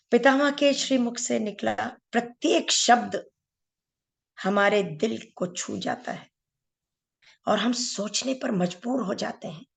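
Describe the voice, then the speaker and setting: A middle-aged woman teaches meditation in an unhurried spiritual talk, drawing out her words at a slow pace. Her voice carries a gravelly edge of fry, and she tells stories earnestly while speaking straight to her listeners. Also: mid-range voice. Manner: unhurried, earnest storyteller who addresses listeners directly.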